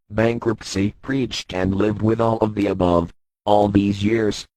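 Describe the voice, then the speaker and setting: Man in a disguised deep voice. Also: darkish tone, dry recording, poor audio. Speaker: anonymous speaker reading a message. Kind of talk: read-out political statement.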